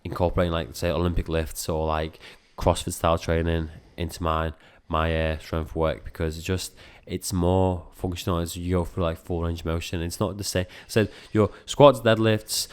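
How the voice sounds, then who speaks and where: A man's voice: low voice, flat delivery, normal speed, hardly any pauses, clear, resonant tone. A man who cannot pronounce his R's, saying w for r, chatting informally as a coach in an interview, rambling and peppered with filler words. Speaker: strength and conditioning coach being interviewed. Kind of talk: casual interview chat.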